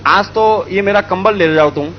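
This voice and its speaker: A man doing a calm, kindly ascetic monk. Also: high-pitched, normal speed, muffled recording, a little hiss or hum, close to an everyday voice. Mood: insistent kindly. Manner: gently insistent, then commanding. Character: calm, generous old male ascetic monk.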